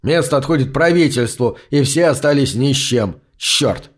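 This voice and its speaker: A huge, blustering fat man, as a narrator puts him on, deep and booming. He grumbles and complains loudly. It is a voice in an audiobook crowd scene. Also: expressive, moderate pace, lightly acted. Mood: grumbling.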